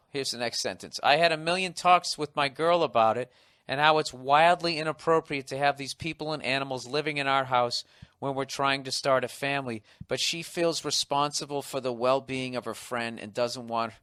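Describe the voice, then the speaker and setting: Reading out a listener's letter, this Boston-accented podcast host in his forties breaks off to riff with profane, sardonic humor. The monologue is casual and comedic, his mid-range voice fairly bright, and the sound is clean studio audio without echo.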